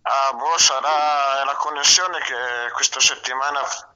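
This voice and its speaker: A man's voice: medium pitch, fairly even intonation, a little slow, bright, forceful tone, low-quality recording. A man heard over the phone as a radio show guest, chatting casually and searching for his words.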